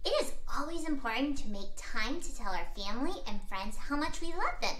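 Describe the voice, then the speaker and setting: With a high voice and a slightly quick pace, a woman reads a picture book aloud for children, animatedly talking straight to them. There's a little background noise.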